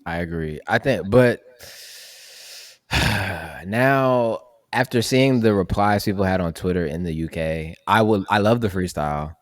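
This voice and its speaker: A man's voice: deep voice, measured pace, no echo, clean studio sound. A young man co-hosting a podcast, talking loosely and rambling with lots of slang and fillers. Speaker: podcast co-host. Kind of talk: casual chat.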